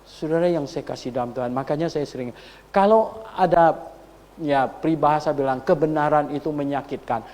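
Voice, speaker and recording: A male pastor preaching a sermon, telling a story and asking the congregation for agreement, rising to loud, high emphasis. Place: church hall. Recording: long hall reverb.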